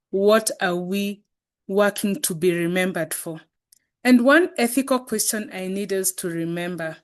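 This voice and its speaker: A woman hosting an online meeting over a video call, earnest and exhorting with rhetorical questions. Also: mid-range voice. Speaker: meeting host. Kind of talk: reflective meeting address.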